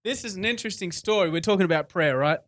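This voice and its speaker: A man's voice: sits high, fast, a bit bright. A man preaching a sermon in church, conversational, repeating phrases for emphasis. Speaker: pastor.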